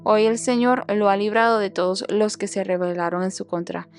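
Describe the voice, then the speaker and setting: A woman's voice: mid-range voice, moderate pace, faint music behind, close to an everyday voice. A woman reading as a formal foreign messenger. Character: foreign male runner, formal and dutiful.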